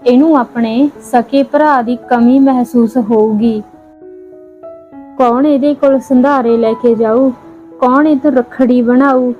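A woman playing a caring mother who gently coaxes and consoles her daughter in an amateur short film, repeating endearments. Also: fairly high pitch, natural voice. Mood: wistful. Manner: soothing, coaxing, repeats endearments. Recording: dull lo-fi sound, faint music.

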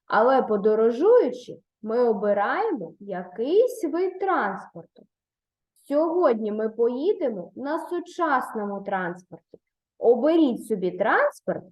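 Slow, patient woman teacher, echoey room. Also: on the high side, big pitch swings, highs cut off. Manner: slow, patient, praising and prompting pupils. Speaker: primary school teacher. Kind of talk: online lesson for third graders. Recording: roomy echo.

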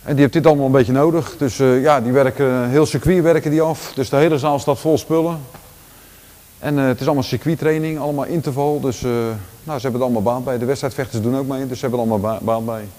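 Followed by a handheld camera, a Dutch man in his forties with a Rotterdam accent shows off his big indoor gym on an easygoing walkthrough. He talks fast at a medium pitch, casually, with many fillers and restarts.

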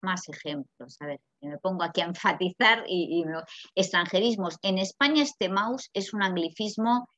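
A woman from Spain with a Peninsular Spanish accent giving a lively, chatty seminar lecture and asking the audience questions. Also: on the low side, normal speed, no echo. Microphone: video call. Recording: dull, dry video call audio.

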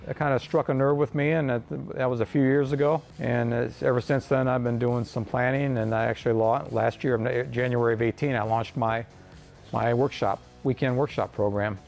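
Gravelly middle-aged man explaining welding. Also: medium pitch, fairly even intonation, fairly quick, a little mellow, faint music behind. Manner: plain-spoken, rambling with restarts. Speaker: hot rod shop owner and welding instructor. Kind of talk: casual shop explanation. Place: large metal fabrication shop, indoors.

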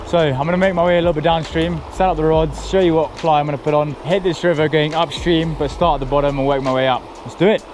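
By a river outdoors, a young adult man hosts a fishing vlog, chatting casually as he guides viewers, whom he calls folks and guys, through his steps. His voice is a little high and a little mellow, quick-paced with fairly even intonation, recorded on a handheld camera at arm's length amid slight background noise.

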